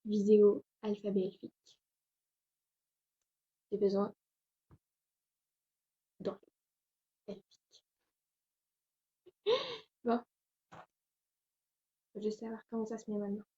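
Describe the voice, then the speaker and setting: A young woman gives a relaxed home lesson in a slow, hesitant, chatty way. Her voice is dark and somewhat husky. The recording sounds dull and lo-fi. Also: medium pitch. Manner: chatty, hesitant, many fillers. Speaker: language tutorial host. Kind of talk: casual spoken lesson.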